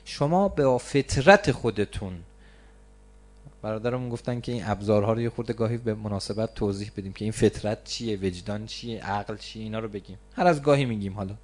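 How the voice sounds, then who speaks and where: Man, preacher, sermon, emphatic, loud bursts and low drawn-out words. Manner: stretches key words slowly for emphasis. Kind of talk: religious sermon.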